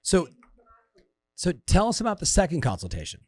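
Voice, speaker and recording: A man hosting a casual interview, enthusiastic and affirming, quick to interject with questions. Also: high-pitched, wildly swooping pitch, breathy edge, dry recording. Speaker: interview host.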